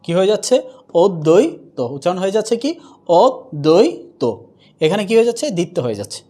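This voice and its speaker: A male teacher giving a pronunciation lesson, asking questions and answering them himself, and saying example words slowly more than once. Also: high-pitched, sing-song, mellow.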